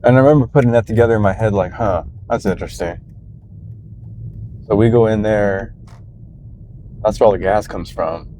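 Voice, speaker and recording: A man's voice: lowish voice, fairly quick, dark tone, a little hiss or hum. A middle-aged man rambling and musing aloud in a casual vlog, talking to the camera from his car. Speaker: vlogger. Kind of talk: casual driving vlog monologue.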